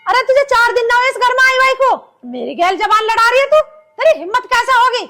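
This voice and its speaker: A woman's voice: very high-pitched, lively intonation, normal speed, fairly bright tone. An actress playing a harsh village mother-in-law who scolds sharply, with a Haryanvi accent. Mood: scolding.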